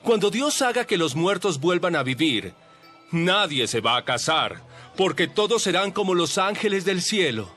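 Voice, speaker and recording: Over faint music, a male actor voices a commanding religious teacher in an audio Bible drama, firmly correcting his followers. The voice sits a little high and bright, exaggerated and didactic, with big pitch swings at a normal speed.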